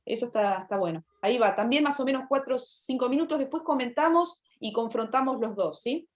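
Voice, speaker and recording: A woman's voice: a little high, a little fast. Argentine woman teaching a class. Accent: Argentine Spanish. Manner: explanatory, checks in with "¿sí?". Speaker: university literature teacher. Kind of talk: online class lecture.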